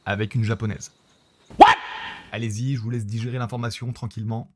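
A man's voice: on the low side, little pitch movement, quick pace, darkish tone, slight background noise. A man hosting a storytelling vlog, talking straight to his viewers with jokey, teasing asides. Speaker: YouTube host.

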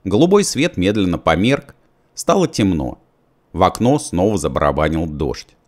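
Низкий выразительный мужской голос чтеца. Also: male voice, low voice, moderate pace. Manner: expressive, plays all the parts. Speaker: audiobook reader. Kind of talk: audiobook narration.

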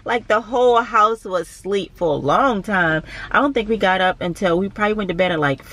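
A woman's voice: mid-range voice, a little fast, a bit bright, slight background noise. A young woman, chatting to her vlog camera from a parked car, tired and a bit cranky. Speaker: vlogger. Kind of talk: casual vlog chat. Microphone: handheld camera close by.

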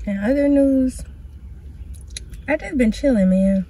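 A woman's voice: high-pitched, lively intonation, measured pace, mellow, a little hiss or hum. Woman vloggin at home, chill n slangy, says y'all a lot, gets real blunt. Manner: blunt and brash when calling people out. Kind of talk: casual vlog chat to camera. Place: at home, eating while filming.

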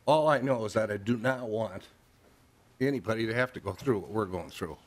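Low-voiced older American man, halting and earnest. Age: 60s. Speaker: grandfather testifying at a legislative hearing. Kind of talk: personal testimony at a public hearing. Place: indoor legislative committee room. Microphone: gooseneck table microphone.

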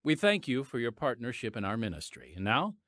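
A man's voice: medium pitch, wildly swooping pitch, brisk, a bit bright, no echo, studio quality. A man hosting a radio drama, delivering a scripted, folksy appeal to listeners.

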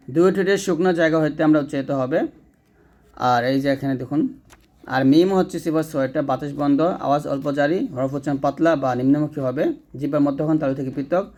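Male Quran recitation teacher with a fairly high voice, patient step-by-step explainer who demonstrates sounds and fixes his own slips. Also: darkish tone. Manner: corrects his own slips mid-sentence. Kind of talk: spoken lesson on letter pronunciation.

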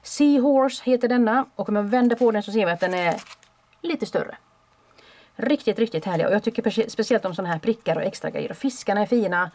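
A woman who runs a craft shop, chatting casually and warmly as she shows off new stock at home. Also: medium pitch. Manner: chatty and friendly, with small restarts. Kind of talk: casual product show-and-tell.

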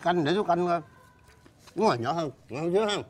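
An actor in a comedy sketch playing a sneaky, flustered uncle who pleads and stammers through repeated words. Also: male voice, sits high, lively intonation, fairly quick. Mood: soothing. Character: sneaky, flustered adult man, an uncle who ate the kids' cake. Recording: loud background noise.

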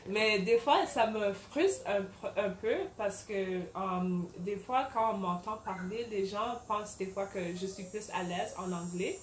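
A woman's voice: mid-range voice, measured pace, few pauses, echoey room, a little hiss or hum, poor audio. Young woman with a slight English-tinged accent. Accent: English-tinged French. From Congo. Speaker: guest, singer. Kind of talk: interview.

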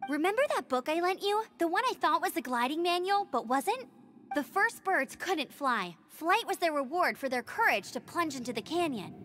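Casting: a spirited young girl knight for an anime game, very high and animated. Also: moderate pace, faint music behind. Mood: resolute. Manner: spirited, determined. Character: plucky, earnest teenage girl scout knight in anime fantasy. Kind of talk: video game voice acting.

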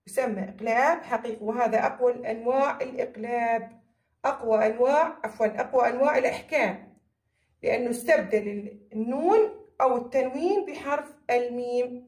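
A woman teacher with a Jordanian accent giving a recorded lesson to children, repeating key phrases and answering her own questions. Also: high-pitched. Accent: Jordanian Arabic. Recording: echoey room.

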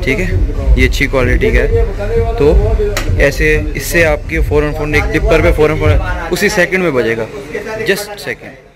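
A young man, casually explaining a car upgrade to viewers in a chatty vlog, filmed on a handheld camera in and around his car. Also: a little high. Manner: chatty, addresses viewers as brothers, many fillers. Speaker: car vlogger. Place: inside a car and an auto parts shop. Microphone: handheld action camera. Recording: street traffic noise.

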